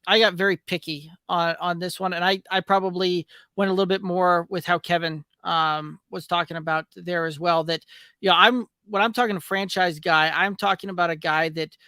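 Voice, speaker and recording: Bright-voiced man on a glitchy call. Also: high voice, fairly even intonation, normal speed, smooth, no echo, clean studio sound. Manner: rambling, hesitant with many fillers. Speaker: podcast co-host. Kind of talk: casual fantasy football chat. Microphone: remote call over internet. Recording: glitchy digitized internet call audio.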